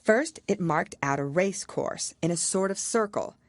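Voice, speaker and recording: A woman's voice: lowish voice, lively intonation, a little slow, no echo, studio quality. A woman narrating a children's storybook from a script, as an audiobook reader.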